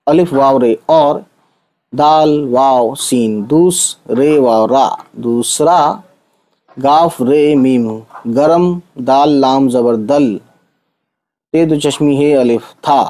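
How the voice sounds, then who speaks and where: A man's voice: medium pitch, warm tone, low-quality recording. A man teaching Urdu letters to Hindi speakers, spelling out words sound by sound and often checking that his viewers follow. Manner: slow, patient letter-by-letter reading with frequent checks.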